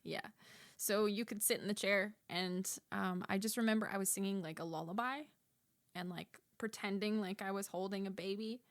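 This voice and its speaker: A woman co-hosting a casual podcast, telling animated stories with lots of "like.". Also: mid-range voice, normal speed, no room sound, studio quality. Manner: animated storytelling full of "like". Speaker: podcast co-host, former haunted attraction actor.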